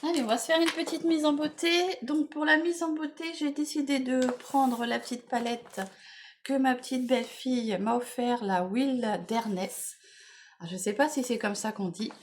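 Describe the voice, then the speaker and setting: A woman's voice: high voice, fairly even intonation, normal speed, a little hiss or hum. Tired, rambling middle-aged woman vlogger. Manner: rambling, chatty, full of "voilà" and "bon, bref". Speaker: beauty vlogger. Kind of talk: casual makeup chat. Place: at home in the morning.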